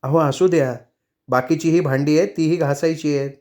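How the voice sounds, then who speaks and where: A man's voice: fairly high pitch, steady tone, moderate pace, a little mellow, voice pushed up, natural voice. A tearful, quarrelsome young wife pleads and complains, as a male storyteller puts her on. Her lines come in a raised, plaintive voice. Heard in a novel being read aloud. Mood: reproachful. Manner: plaintive and reproachful.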